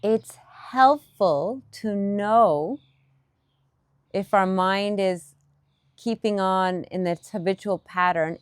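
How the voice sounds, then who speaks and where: A meditation teacher guides listeners with gentle instruction, speaking in short, unhurried phrases separated by pauses. Her medium-pitched voice is clear and resonant, recorded in studio quality with no room sound.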